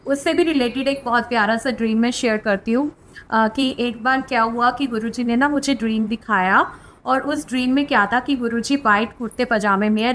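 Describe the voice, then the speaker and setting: A woman earnestly sharing her spiritual experiences as a devotional testimony, in a heartfelt storytelling manner with soft filler words. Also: fairly high pitch.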